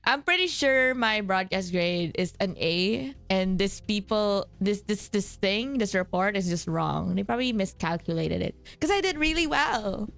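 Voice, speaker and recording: A young woman vtuber chatting excitedly and distractedly while playing a game. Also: mid-range voice, unhurried, creaky, hardly any pauses, faint music behind. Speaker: vtuber streamer. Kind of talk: gaming stream commentary.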